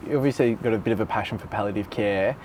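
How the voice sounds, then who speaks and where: A man's voice: on the low side, rapid-fire. An Australian man asking casual, conversational questions as an interviewer. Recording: noticeable background noise.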